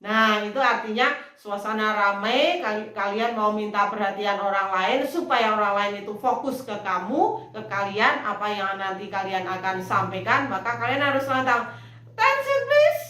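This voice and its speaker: A woman teacher, explaining slowly in a recorded lesson and acting out model phrases in a loud, high voice. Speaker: English teacher. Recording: echoey room.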